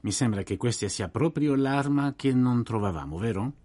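A man voicing a fussy, thoughtful aging detective in an audiobook, polite, weary and measured. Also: medium pitch, lively intonation, dark tone, no echo, pitched above the performer's own voice, natural voice.

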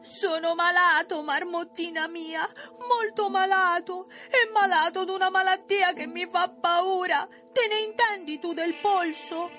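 A man's voice: extremely high pitch, steady tone, a little slow, few pauses, pushed and bright, pitched above the performer's own voice, exaggerated voice. Pinocchio, a sobbing puppet boy. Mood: wailing. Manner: wailing, pleading, sobbing. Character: tearful, whiny wooden puppet boy. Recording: music playing underneath.

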